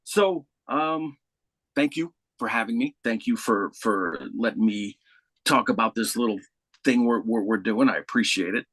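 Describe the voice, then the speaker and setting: A man's voice: lowish voice, normal speed, fairly bright tone, no room sound. A man on a video call chatting casually as a musician guest, his voice run through noise cancellation processing, laid-back and joking. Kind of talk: casual podcast chat.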